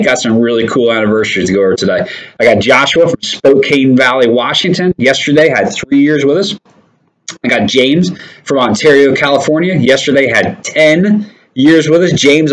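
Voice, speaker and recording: A man's voice: medium pitch, poor audio. A man hosting a casual company safety update, upbeat and encouraging, who often checks in with "right?".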